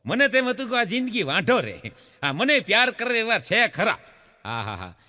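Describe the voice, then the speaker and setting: A man tells stage jokes, his voice high and bright as it rises and falls through each story. He slips into the characters as he goes, and a long hall reverb trails after his lines. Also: normal speed. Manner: lively storyteller acting out characters, laughing audience. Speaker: stand-up comedian. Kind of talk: Gujarati stage joke-telling.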